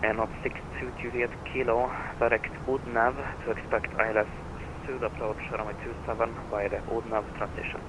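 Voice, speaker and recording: On a flight simulator network, a male air traffic controller gives formulaic procedural instructions over the radio in a level tone, speaking a little fast. The transmission comes through a rumbling, noisy radio channel.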